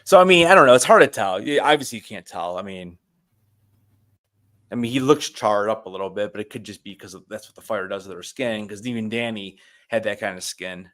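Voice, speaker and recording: A man's voice: lowish voice, brisk, fairly bright tone. Man musing tentatively on a live review. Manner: tentative, thinks aloud. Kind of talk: casual live review chat.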